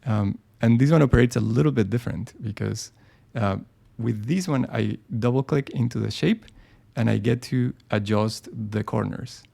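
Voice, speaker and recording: This presenter leads a live design tutorial on screen, chatting casually and thinking aloud with frequent ums and restarts. He has a medium-pitched, dark voice with vocal fry, moving at a moderate pace and hardly pausing.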